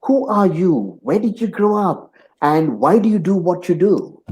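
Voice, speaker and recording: Middle-aged male interview host, unhurried and deliberate, thoughtful and philosophical, heard over a video call. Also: high voice, big pitch swings, darkish tone, slight background noise, poor audio. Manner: measured, reflective, philosophical. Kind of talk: reflective interview hosting.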